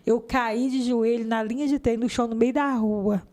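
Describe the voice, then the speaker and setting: A woman with a Brazilian Portuguese accent giving a fervent, heartfelt religious testimony in an interview, her pace swinging between rushed and slow. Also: fairly high pitch, steady tone, a little mellow.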